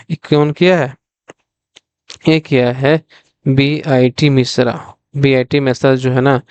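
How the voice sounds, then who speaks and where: Male tutor, mid-pitched, smooth, clear voice, close and dry. Runs a question-and-answer revision lesson and repeats every question. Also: darkish tone, no echo. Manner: asks the viewers directly, then answers himself. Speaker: exam coaching teacher. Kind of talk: quiz-style revision lesson.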